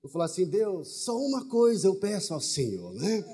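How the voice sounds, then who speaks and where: Male preacher, fairly high and husky, telling a personal testimony with humor and asides to the crowd. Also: huge pitch swings, moderate pace, warm tone. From Brazil. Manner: storytelling, humorous, with asides to the audience. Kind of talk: testimony sermon to a congregation.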